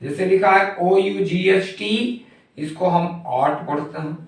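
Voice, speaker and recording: Slow, patient male teacher in echoey room. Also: high-pitched. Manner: slow, patient, repeats each example word. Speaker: English teacher. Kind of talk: spoken phonics lesson. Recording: very echoey room, mic far off.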